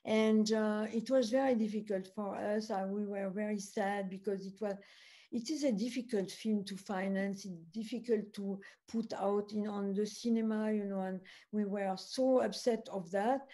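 A woman's voice: medium pitch, fairly even intonation, warm tone. A woman film producer with a French accent, speaking non-native English in a festival Q&A, hesitating often as she searches for words. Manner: halting, searching for English words, many uhs. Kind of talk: festival Q&A conversation.

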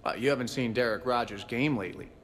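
An actor playing an easygoing military pilot with friendly, dry teasing in a video game. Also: male voice, medium pitch, quick pace, a bit bright, close to an everyday voice. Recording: reverberant room with background noise.

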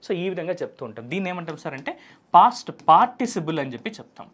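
A man's voice: high-pitched, big pitch swings, very fast, fairly bright tone. A man with a Telugu accent teaching spoken English, asking and answering his own questions and repeating each point. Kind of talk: explaining a lesson to students.

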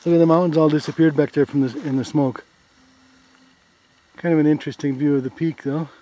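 An American man talks his way along a forest trail, easygoing and plain as he points out the views. His voice sits a little high but sounds mellow and soft-edged. It comes through a dull, lo-fi camera mic outdoors. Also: fairly even intonation, brisk. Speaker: hiker filming a trail video. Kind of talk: casual trail narration.

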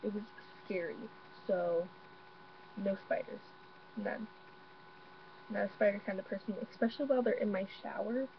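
A young woman vlogging from her bedroom, excitable and rambling, with lots of fillers. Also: medium pitch, normal speed, long pauses. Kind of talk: casual vlog. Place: bedroom at home. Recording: dull lo-fi webcam audio with faint mains hum.

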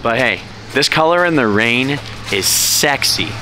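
A man in his twenties with an American accent, chatting casually to camera in a raspy voice, hoarse from a lingering cold. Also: medium pitch, animated, unhurried. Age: 20s. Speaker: car vlogger. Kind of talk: casual vlog chat to camera. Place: outdoors, in a car and in a large garage workshop. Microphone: handheld camera at arm's length. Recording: noisy vlog audio with car ambience.

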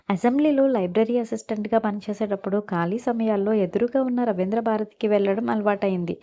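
A woman with a Telugu accent narrates a biography from a script, keeping a steady, even read-aloud pace. Her voice is mellow and warm, and the recording sounds slightly dull and lo-fi. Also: mid-range voice.

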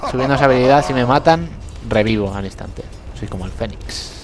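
A man's voice: medium pitch, a little fast, over music. A young man giving casual, self-mocking commentary over a video game he admits he plays badly. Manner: self-mocking, bursts into laughter and yelps. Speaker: gameplay commentator. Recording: game sounds and noise behind the voice.

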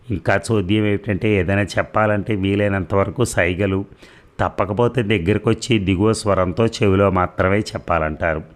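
Tired young wife in a funny audio story, hushed and grumbling, low voice, man reading her lines. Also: close to an everyday voice. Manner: hushed, complaining. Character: young wife, quiet and weary, complaining.

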